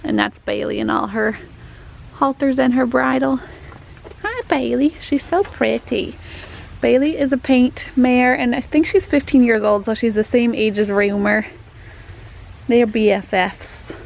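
A woman narrating a casual barn tour with a slightly raised pitch and a gravelly, creaky edge to her voice. She talks in a chatty, explanatory way and laughs easily. Faint background hiss sits under her handheld-camera sound. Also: steady tone, a little slow. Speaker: vlogger. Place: horse barn and paddock, indoors and outdoors.

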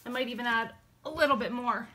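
A chatty young woman with a fairly high voice talks through a casual how-to vlog indoors by her worm bins. She is slightly out of breath and fills pauses with ums as she explains each step. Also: sharp tone, slight background noise. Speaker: worm farming vlogger.

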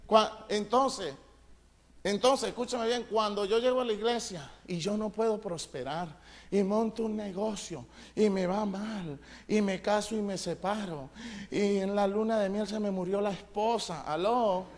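A male pastor preaching a fiery sermon, emphatic, calling on the congregation to answer back and rising to loud shouted peaks. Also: sits high, measured pace. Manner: emphatic, calls for congregation responses.

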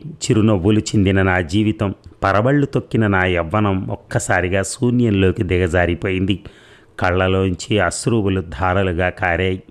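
A man narrating a first-person audio story with a measured, steady reading. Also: low-pitched.

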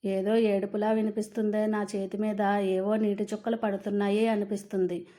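A woman narrating a first-person family story in a steady, subdued reading. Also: mid-range voice, moderate pace.

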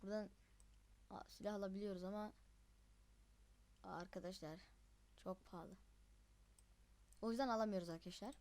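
Speaking at medium pitch, a young gaming host chats excitedly over the gameplay in real time. When annoyed, he's fast to yelp.

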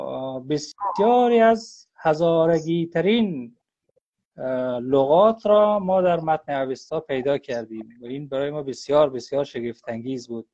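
A man speaks as a guest scholar on a live online stream. His voice sits a little high, and he talks in a halting, searching way with many drawn-out pauses. The sound is dull and lo-fi, as on a call. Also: vocal fry, a little mellow. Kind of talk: explanatory talk in a live online interview. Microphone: phone or computer on a live video call. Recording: dull lo-fi livestream audio.

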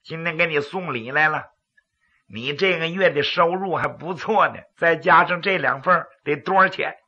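A male storyteller voicing a bold, mocking martial hero in a gravelly, dramatic voice. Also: fairly high pitch, moderate pace, pushed and bright, lo-fi sound, full character voice. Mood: mocking, threatening. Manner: dramatic, taunting.

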